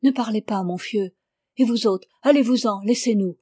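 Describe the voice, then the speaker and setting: A woman reading as a gruff old peasant nurse. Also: a little high, normal speed, warm tone, no echo, studio quality, lightly acted. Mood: tender, commanding. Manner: blunt, grumbling, tenderly protective.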